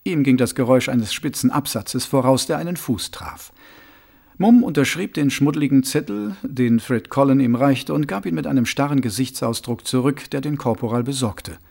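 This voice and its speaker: Gravelly male audiobook narrator. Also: medium pitch. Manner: steady, measured storytelling. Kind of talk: scripted narration.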